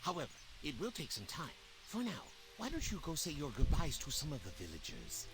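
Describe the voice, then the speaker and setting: A man voicing a self-assured warrior mentor in a game, measured and commanding. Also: a little high, wildly swooping pitch, a bit bright. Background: game music.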